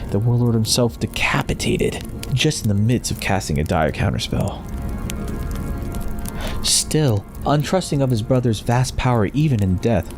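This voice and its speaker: A man giving a solemn, theatrical scripted narration of a fantasy story. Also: medium pitch.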